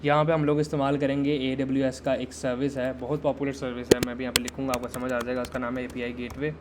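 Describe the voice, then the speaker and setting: A man's voice: medium pitch, level tone, fast, heavy background noise. A man teaching a live-streamed system design lesson in a conversational way, quizzing viewers and waiting for answers in the chat. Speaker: tech instructor.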